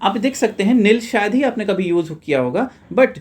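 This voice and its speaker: A teacher from India walks through a vocabulary lesson, leaning hard on "friends" and on reminders to remember each word. The pitch swings widely, rising high at the start of each new point and dropping low at the close. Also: lively intonation, normal speed, darkish tone. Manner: addresses viewers as friends, repeats reminders to remember. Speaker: English teacher.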